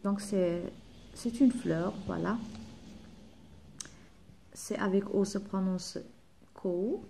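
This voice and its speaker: A woman primary school teacher, slowly spelling out letters and sounds from a workbook and slipping into Arabic dialect. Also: mid-range voice, fairly even intonation, vocal fry, warm tone, a little hiss or hum. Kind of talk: workbook lesson for children.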